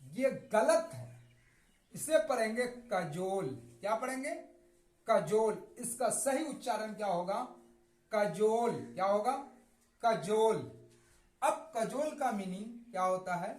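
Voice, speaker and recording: A male teacher giving a vocabulary lesson, spelling words letter by letter, asking questions and answering them himself, repeating each word slowly. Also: high voice, echoey room, low-quality recording. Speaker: English teacher.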